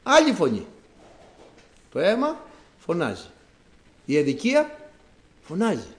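Man, Greek preacher, sermon, slightly high voice, animated, emphatic peaks. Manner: animated, rising to emphatic outbursts.

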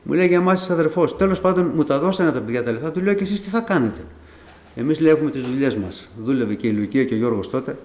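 A middle-aged church member gives his faith testimony to a congregation, speaking conversationally like a storyteller and acting out remembered dialogue. His voice sits on the high side, a little mellow, with lively intonation. The room is echoey.

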